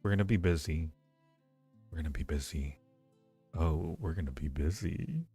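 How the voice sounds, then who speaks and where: An extremely low-pitched male voice with a warm, breathy edge talks at normal speed as he hosts a livestream, chatting playfully and flirtatiously with viewers and often saying things twice. Faint music sits behind a roomy echo.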